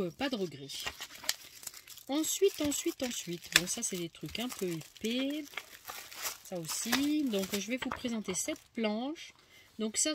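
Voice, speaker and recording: A woman's voice: medium pitch, a little hiss or hum. A woman giving casual unboxing commentary on her craft purchases, chatty and hesitant, thinking aloud with many fillers. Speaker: craft vlogger showing a haul. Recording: loud crinkling of packaging and clicks.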